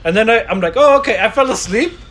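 A man's voice: sits high, expressive, fast, fairly bright tone. A man chatting casually with friends, telling stories and acting out what people said. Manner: storytelling, acts out quoted exchanges. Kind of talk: casual chat among friends.

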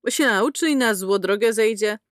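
A woman's voice: mid-range voice, normal speed, no echo, clean studio sound, lightly acted. A woman voicing a brash, foul-mouthed woman space pilot who talks in a crude, sarcastic, blunt way.

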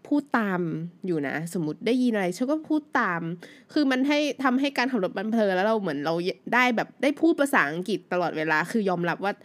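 A woman's voice: mid-range voice, expressive, quick pace, hardly any pauses. A woman in her thirties, a native Thai speaker, hosting her own podcast in a loose, chatty solo monologue full of fillers. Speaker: podcast host. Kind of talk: casual solo podcast chat.

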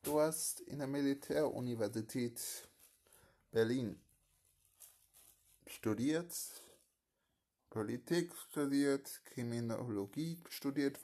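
A man reads out a home-made crime story and plays every part himself. He takes his time over each phrase, his voice slightly husky. Now and then he breaks into a sudden loud outburst. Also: mid-range voice. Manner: slow, halting delivery with abrupt loud outbursts. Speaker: amateur storyteller voicing all parts.

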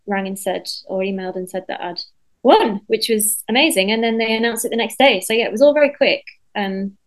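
A woman songwriter talking in a casual interview, chatty and lively, with lots of fillers and restarts and the odd casual swear word. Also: on the high side, a little fast, poor audio.

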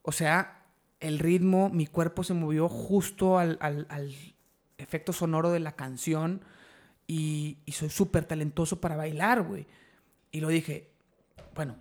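A young man with a Mexican accent tells a long story on a podcast in a high voice. He talks in animated, slangy bursts and laughs at his own jokes. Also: normal speed. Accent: Mexican Spanish. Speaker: podcast host. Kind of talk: casual storytelling chat.

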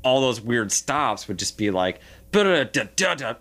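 A man's voice: fairly low pitch, a little slow, fairly bright tone. Rambling man in his thirties. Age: 30s. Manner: rambling, heavy use of "like" fillers. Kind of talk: casual storytelling chat.

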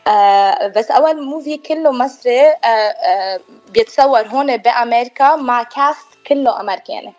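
A woman's voice: on the high side, fairly quick, a little mellow, lo-fi sound, soft background music. A Lebanese-accented actress chatting as a guest in a casual radio interview, slipping English words into her talk.

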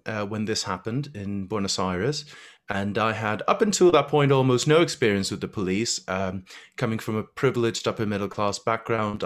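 Speaking as an interview guest, a man from Argentina gives thoughtful, measured answers broken by frequent hesitations, in a voice on the low side.

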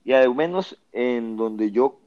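Loud jarocho dude from veracruz, laughs a lot, slangy, bit muffled recording. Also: male voice, mid-range voice, lively intonation, takes it slowly. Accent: Veracruz Mexican Spanish. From Veracruz, Mexico. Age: 30s. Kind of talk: casual chat.

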